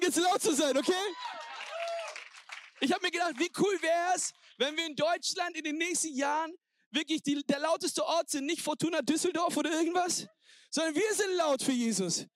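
A married man preaching a sermon, energetic and exhorting, sprinkling in English words. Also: very high-pitched, no echo. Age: adult, married. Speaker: pastor.

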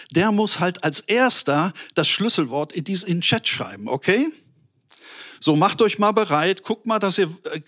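A middle-aged man preaching an animated sermon to an online audience, speaking directly and colloquially to his listeners and telling stories. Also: high voice. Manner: colloquial with English words.

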